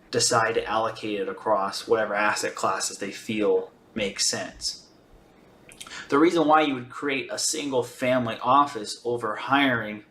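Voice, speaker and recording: A man presenting an explanatory monologue in a measured, methodical way. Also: lowish voice, fairly bright tone. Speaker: video presenter on finance. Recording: roomy, echoing sound.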